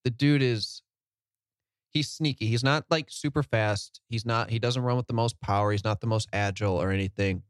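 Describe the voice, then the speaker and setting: Low-voiced man in relaxed sports chat. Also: moderate pace, no room sound, studio quality. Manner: relaxed, fills with "like", lists stats. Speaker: podcast co-host.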